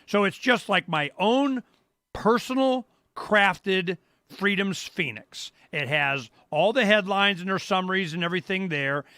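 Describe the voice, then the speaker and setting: Middle-aged guy rambling on his live show, bright forceful voice, dry close sound, keeps going "boom". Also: animated, unhurried, dry recording. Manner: loose and rambling, exclaims "boom". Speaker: radio show host. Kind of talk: casual live-stream walkthrough. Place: home studio.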